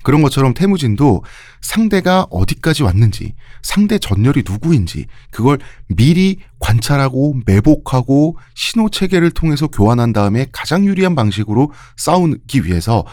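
A man's voice: medium pitch, very animated, normal speed, hardly any pauses, darkish tone, no echo, clean studio sound. A man with slushy, lisping s sounds, telling history conversationally as a podcast host and explaining things with everyday examples.

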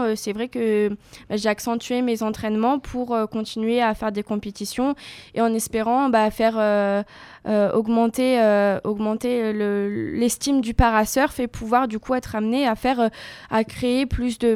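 Young woman athlete chatting in an interview, smooth highish voice, lots of hesitating. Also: darkish tone. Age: young adult. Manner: hesitant, searching for words. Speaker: para-surfing champion guest. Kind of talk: casual interview answers.

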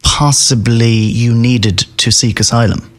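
A man hosting a podcast in a studio, reading a measured introduction and then asking a guest questions. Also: medium pitch, steady tone. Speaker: podcast host. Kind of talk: podcast interview. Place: radio studio.

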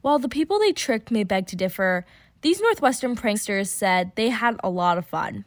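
A young woman hosting and narrating a student news podcast in an even, measured way. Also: mid-range voice, no echo, studio quality. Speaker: podcast host and reporter. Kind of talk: scripted narration.

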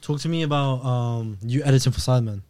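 A man speaking casually as an interviewer in a relaxed chat. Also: medium pitch, fast talker, dry recording.

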